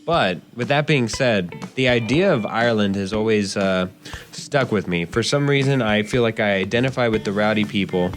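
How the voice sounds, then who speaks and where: A man's voice: fairly low pitch, normal speed, faint music behind. Playful young man hosting a podcast quiz. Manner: playful, joking quiz-master delivery. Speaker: podcast co-host. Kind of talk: casual sports podcast chat.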